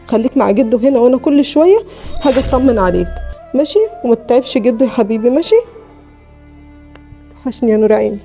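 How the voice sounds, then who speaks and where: A woman's voice: fairly high pitch, fast talker, pauses often, dark tone, soft background music, lightly acted. A woman with an Egyptian accent playing a torn young mother who speaks tenderly and pleadingly.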